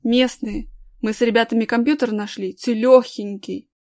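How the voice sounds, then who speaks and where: A woman voicing a gruff homeless man who urgently orders the boys around, in a storybook reading. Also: a little high, fairly even intonation, moderate pace, a little mellow, dry recording, clean studio sound, close to an everyday voice.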